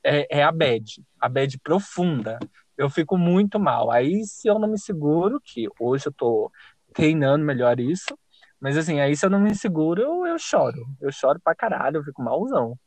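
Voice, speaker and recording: A young man with a Brazilian Portuguese accent, hosting a podcast and telling a lively, self-mocking story with casual swearing. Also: fairly high pitch, moderate pace. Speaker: podcast host.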